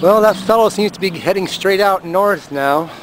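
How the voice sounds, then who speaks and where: A man's voice: high-pitched, normal speed. Chatty man narrating outdoors, camera mic. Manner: amused, chatty, pointing things out. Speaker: vlogger filming the sky. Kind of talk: casual running commentary while filming. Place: outdoors, by the road and in a car. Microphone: handheld camera mic. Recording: noisy outdoor camera audio. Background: traffic and outdoor noise.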